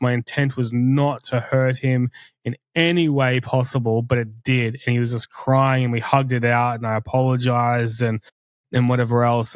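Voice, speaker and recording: Here a man with a mid-range voice co-hosts a podcast, sounding earnest and confessional as he halts and restarts often. It's candid conversational talk, captured at studio quality with no echo.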